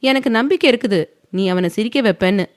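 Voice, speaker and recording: A woman's voice: fairly high pitch, fast, lightly acted. A woman doing a tender older mother-in-law.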